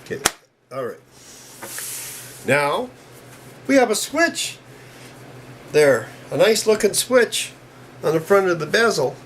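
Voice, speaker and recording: A man's voice: high voice, slow pace, pauses often, slight background noise, poor audio. Folksy older man talking through a build. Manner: folksy, chatty, with bursts of excitement. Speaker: PC repair hobbyist. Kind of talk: casual hands-on tutorial narration.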